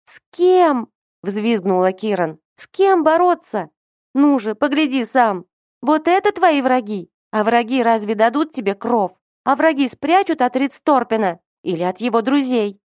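A woman voicing a desperate teenage girl who pleads and breaks into shrill cries. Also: moderate pace, few pauses, darkish tone, no room sound, clean studio sound, natural voice.

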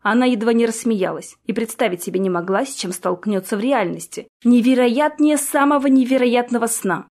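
A woman reads a fantasy novel aloud as an audiobook narrator. Her voice sits a little high for a woman. She keeps an even, steady storytelling pace throughout. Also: brisk, hardly any pauses. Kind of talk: scripted narration.

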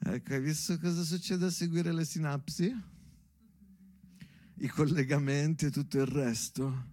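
A stage actor and writer performs a monologue as a father reading a rambling, ironic letter to his young daughter, in a slightly high, darkish voice with fairly even intonation, a measured pace and light acting. His delivery is colloquial, rhythmic and sing-song, tender yet hesitant, like theatrical spoken word.

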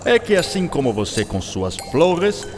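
Mendel, a kindly, animated monk. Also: male voice, on the high side, a little slow, background noise. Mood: enthusiastic, patient. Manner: didactic, peppers speech with German words. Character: Mendel, kindly Austrian monk scientist, patient and enthusiastic. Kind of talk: radio drama acting. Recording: reverberant hall, music behind.

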